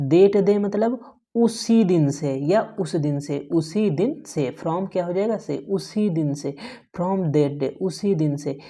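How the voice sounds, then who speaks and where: A male English teacher going through a story line by line, saying each English phrase slowly, translating it into Hindi and asking short rhetorical questions with frequent "ठीक है" check-ins. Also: a little high, mellow. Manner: keeps adding "ठीक है" as a check-in.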